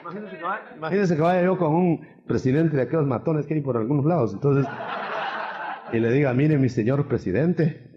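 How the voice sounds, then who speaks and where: A man preaching a sermon in an animated storytelling way, acting out shouted quotes. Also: on the high side, a little fast, noisy background. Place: seminar hall. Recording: dull lo-fi 1991 seminar recording.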